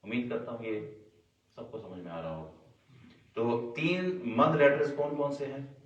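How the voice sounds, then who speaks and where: Male teacher, mid-pitched, quizzes the class and draws out sounds to show them; echoey room, mic set back. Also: sing-song, moderate pace, recorded from a distance, highs cut off. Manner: questions the class and answers himself, stretches sounds to demonstrate. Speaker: Quran recitation teacher.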